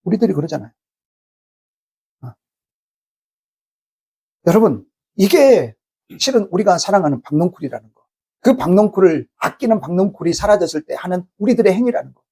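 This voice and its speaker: Gravelly, husky pastor preaching emphatically. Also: male voice, high voice, big pitch swings, brisk, pauses often, warm tone. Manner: emphatic, rhetorical questions to the congregation; acts out angry complaints to God. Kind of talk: sermon. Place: church sanctuary.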